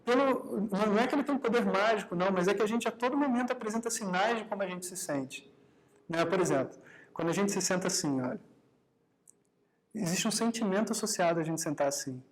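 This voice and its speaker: A man's voice: high-pitched, lively intonation, quick pace, poor audio. A man leads a live meditation workshop. His tone is conversational and easy, and he keeps checking in with his listeners. Now and then he slips into short acted-out exchanges. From Brazil. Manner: conversational, often adds tag questions to the audience; acts out quoted dialogue in his own talk. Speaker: meditation teacher.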